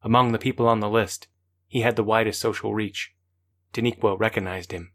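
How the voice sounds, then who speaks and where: A man narrating an audiobook in a measured, matter-of-fact way. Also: fairly low pitch, steady tone, fairly bright tone. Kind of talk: scripted narration.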